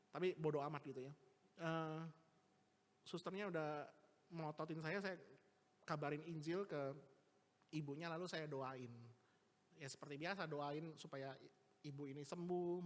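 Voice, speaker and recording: A male evangelist telling a personal story in a casual, chatty sermon, full of small tag words and restarts. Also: on the high side. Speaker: evangelist preacher. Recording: long church-hall reverb.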